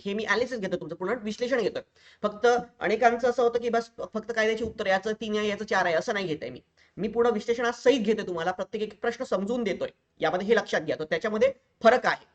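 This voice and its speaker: A man's voice: high-pitched, highs cut off. A man teaching exam preparation in a recorded online lecture, explaining each step and speaking directly to his students.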